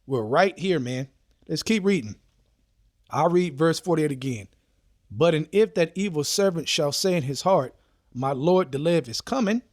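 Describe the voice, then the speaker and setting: A man delivers an informal, urgent sermon in a slightly high voice, reading scripture and dropping street slang between verses. He keeps repeating "okay" and "man" to drive each point home. The recording is dry and close. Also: no room sound. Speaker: preacher.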